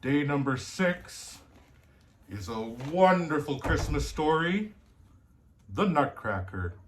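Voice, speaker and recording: A man's voice: a little high, sing-song, a little hiss or hum, voice pushed up. A man playing a jolly old Santa Claus, telling children's stories in a hearty, theatrical manner. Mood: jolly, welcoming. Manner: slow, hearty, theatrical delivery. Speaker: storyteller host. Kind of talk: cheerful children's storybook reading.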